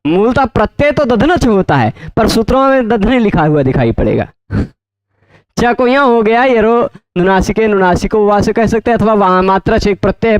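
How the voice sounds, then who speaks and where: A man teaching Sanskrit grammar in a lecture, often asking his students check questions and repeating terms slowly. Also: high-pitched, dry recording. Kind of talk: explanatory lecture.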